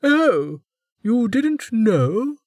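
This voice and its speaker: A man's voice: high-pitched, expressive, no echo, studio quality, pitched above the performer's own voice, exaggerated voice. A man voicing a sardonic ancient female warden. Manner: drawling, mocking, with slowed emphatic words. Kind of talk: audiobook character voice.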